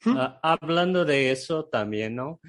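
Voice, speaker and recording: Slow-talking man, hesitant. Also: a little high, expressive. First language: Portuguese. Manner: unhurried, hesitant, adds frequent tag questions. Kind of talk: casual explanatory chat.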